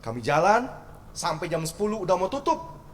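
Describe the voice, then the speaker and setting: A man's voice: sits high, moderate pace, a little hiss or hum. Male pastor giving a sermon, chatty and playful, fond of rhetorical questions; slightly raised voice, roomy church acoustics. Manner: lively, conversational, with rhetorical questions and jokes. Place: church sanctuary. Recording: echoey church hall with faint ambience.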